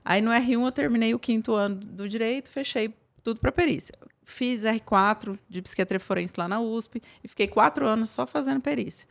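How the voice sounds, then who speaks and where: A woman's voice: on the high side, a little fast, gravelly, few pauses. Woman, thirties, psychiatrist, chatty, filler-heavy storytelling. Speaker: psychiatrist guest. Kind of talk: casual interview talk.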